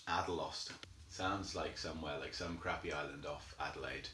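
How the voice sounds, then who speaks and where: Low, bright-voiced man guessing hesitantly; echoey room. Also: fairly even intonation, normal speed. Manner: thinks aloud, hesitant with many ums. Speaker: quiz contestant. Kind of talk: casual game chat. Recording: echoey room, faint noise.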